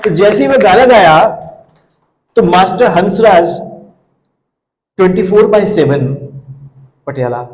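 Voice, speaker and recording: A man's voice: high voice, lively intonation, unhurried, pauses often, darkish tone. A man telling humorous anecdotes, now and then breaking into song. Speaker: teacher hosting a session. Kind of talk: storytelling and anecdotes.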